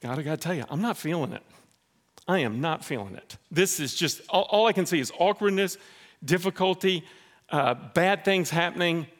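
A preacher acting out a reluctant, anxious disciple. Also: male voice, a little high, lively intonation, normal speed, fairly bright tone. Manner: hesitant, anxious protesting. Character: reluctant, worried biblical disciple, adult man.

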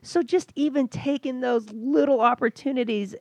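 A man who is a children's pastor, a guest on a podcast, telling stories in an animated, excitable way. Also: extremely high pitch, moderate pace, gravelly, no echo. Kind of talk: casual podcast conversation.

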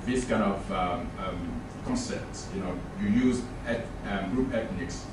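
A man with an Ivorian accent putting a formal question from the floor in a halting, hesitant way. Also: deep voice. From Côte d'Ivoire. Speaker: audience member asking questions. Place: echoey room at a public talk. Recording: very echoey, distant, noisy room pickup.

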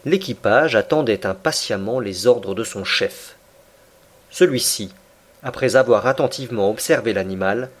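Man reading a classic novel aloud. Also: medium pitch. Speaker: audiobook narrator. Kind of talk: scripted narration of a classic novel.

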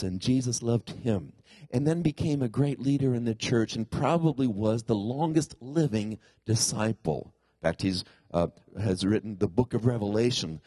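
The fairly low, dark, slightly rough voice belongs to a middle-aged pastor preaching a chatty sermon with frequent questions to the congregation. He attributes his congestion to a pulled tooth, having developed a cold-like ailment after the extraction, and the recording has no echo.

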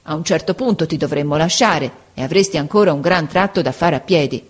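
A woman voicing a gruff caravan boss, a grown man who speaks curtly and dryly. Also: on the low side, animated, moderate pace. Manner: curt and dry, softening slightly.

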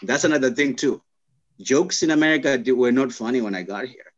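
A young man from Zimbabwe talks in a middle-pitched voice, reflective and unhurried, often stopping to restart his sentences. The sound is a little dull, like a lo-fi recording. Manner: thoughtful, halting, many restarts and fillers. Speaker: guest. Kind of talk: conversational interview.

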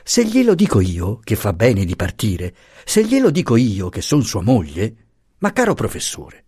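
A man's voice: lowish voice, huge pitch swings, normal speed, darkish tone, husky, no room sound, studio quality, exaggerated voice. A man voicing a tender young wife who speaks emotionally and imploringly.

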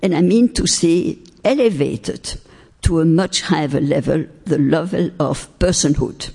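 An older woman whose first language is French lectures in a hall on faith and philosophy, her voice low, gravelly, and mellow with a slight roughness. She speaks deliberately and emphatically, drawing out important words. Long hall reverb surrounds the recording.

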